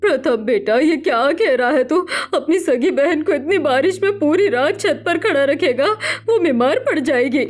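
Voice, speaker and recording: A woman voicing an ailing older mother who pleads gently with her son in a cartoon story. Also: sits high, expressive, moderate pace, few pauses. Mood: pleading. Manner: soft, pleading, worried.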